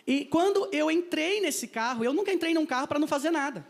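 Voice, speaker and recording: A man's voice: extremely high pitch, lively intonation, a little fast, vocal fry. A man with a Brazilian Portuguese accent, a missionary telling a personal testimony and acting out the dialogue in a vivid storytelling manner.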